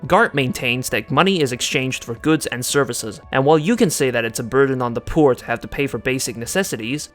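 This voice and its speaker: A man's voice: mid-range voice, lively intonation, a little fast, hardly any pauses, faint music behind. A man hosting a video essay in scripted commentary, sarcastic and joking.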